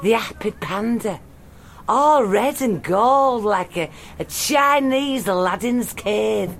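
A middle-aged woman performing a brash comic monologue, swinging from loud to quiet. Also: a little high, lively intonation, takes it slowly, slight background noise. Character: brash middle-aged female ex-reality star. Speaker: solo stage performer.

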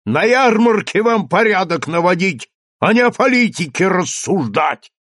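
A man's voice: a little high, lively intonation, slow pace, no echo, studio quality, pitched above the performer's own voice. A man voicing a hot-tempered male village schoolteacher in an audiobook, heated and mocking. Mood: furious. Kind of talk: audiobook character reading.

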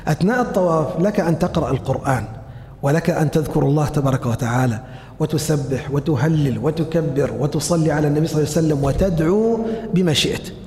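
A man's voice: on the high side, darkish tone, slight background noise. A man giving a religious lecture, demonstrating steps and asking and answering his own questions. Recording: long hall reverb.

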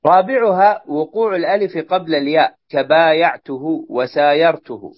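A male student reads a grammar textbook aloud in class. He keeps a measured pace and restarts a word now and then. His somewhat high voice comes through a dull, dry, lo-fi recording. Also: no echo. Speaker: student reading the text aloud.

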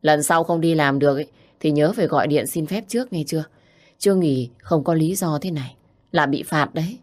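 Woman voicing a male manager, stern, scolding, brisk. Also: low-pitched, a little mellow, close to an everyday voice.

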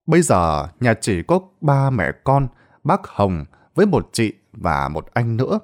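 A man's voice: medium pitch, huge pitch swings, unhurried. A man narrating a Vietnamese ghost story in a dramatic storytelling style.

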